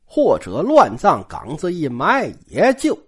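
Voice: mid-range voice, wildly swooping pitch, takes it slowly, slightly rough. A storyteller, telling a classic tale in colloquial style with asides to the listeners. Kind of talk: traditional oral storytelling.

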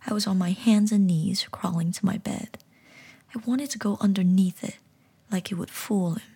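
A woman's voice: mid-range voice, creaky, dark tone, breathy edge. Whispering woman telling a horror story. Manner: whispering throughout.

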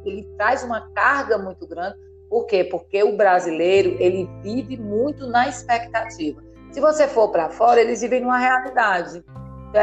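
Brief: emphatic Brazilian woman therapist in interview, animated explainer, faint music underneath. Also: a little high. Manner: animated, emphatic, asks listener "entendeu?" often. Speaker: therapist guest.

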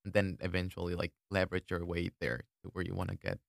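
A man's voice: sits low, monotone, fast, gravelly, dry recording, clean studio sound. A young man, chatting in a laid-back, thoughtful way as a student guest. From Ecuador. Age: 20s. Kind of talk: casual chat.

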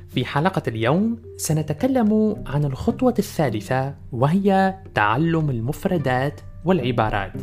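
A man's voice: on the high side, darkish tone. A man hosting a language podcast, presenting a scripted lesson in carefully enunciated formal Standard Arabic and in English.

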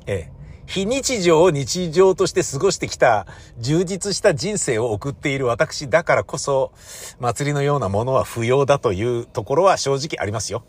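A man's voice: mid-range voice, lively intonation, moderate pace, husky. A man in the entertainment business giving a rambling, self-mocking rant in a casual solo monologue.

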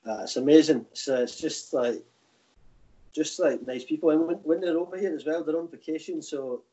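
A man's voice: fairly high pitch, normal speed, warm tone, dull audio. A man from the Glasgow area with a broad Glaswegian accent, telling anecdotes in loose, colloquial, rambling chat. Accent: broad Glaswegian Scottish. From Glasgow area, Scotland. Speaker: guest, tour operator. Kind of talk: casual chat.

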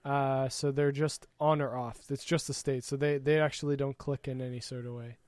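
Opinionated man with a clear, dry voice. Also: medium pitch, level tone, normal speed, no echo. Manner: opinionated, explains at length, trails off quietly. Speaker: podcast co-host. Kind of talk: casual tech chat.

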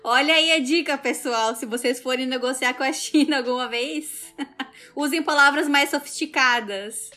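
A woman host in a casual interview, asking questions with plenty of fillers and quick laughs. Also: high-pitched, sharp tone. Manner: friendly, questions with many fillers.

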